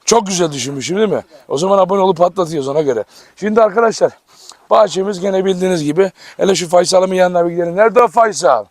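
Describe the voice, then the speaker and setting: A man vlogging casually in his outdoor garden with his dogs, talking to the camera and excitedly calling and scolding the animals. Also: sits high, fast talker, no echo. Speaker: farm vlogger. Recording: noisy outdoor camera recording. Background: dogs barking.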